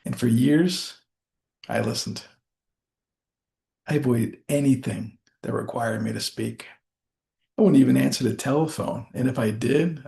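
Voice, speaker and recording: A storyteller delivers a rehearsed motivational speech, speaking deliberately in short phrases broken by dramatic pauses. His mid-range voice is creaky with a darkish tone.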